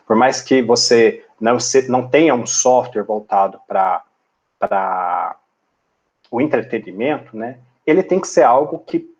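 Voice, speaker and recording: A man's voice: mid-range voice, expressive, a little slow. A man, teaching a class and explaining step by step, checking in with the listener often. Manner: explanatory, many tag questions like "né" and "tá". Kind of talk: lecture.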